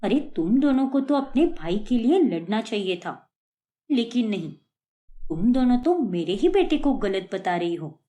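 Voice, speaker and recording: A woman's voice: fairly high pitch, big pitch swings, unhurried, warm tone. A woman voicing a stern middle-aged mother in a cartoon, who scolds her daughters sharply and defends her son. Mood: scolding. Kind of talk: cartoon voice acting.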